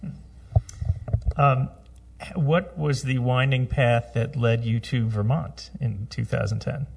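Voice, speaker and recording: A man hosting a radio interview, reading introductions and sponsor credits in a measured announcer manner. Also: medium pitch, creaky, far from the mic, a little hiss or hum. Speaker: radio show host.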